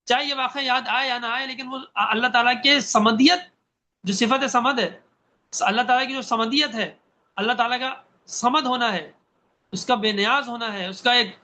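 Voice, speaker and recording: A man's voice: extremely high pitch, pushed and bright. A young man teaching a Quran commentary class, telling a story earnestly and putting questions to his students. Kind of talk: religious class lecture, storytelling.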